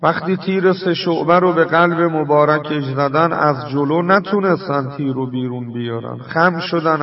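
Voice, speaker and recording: A man's voice: a little high, highs cut off. Male preacher, mournful sermon narration with Arabic recitation, captured from a distance. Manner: lamenting, recites Arabic quotations.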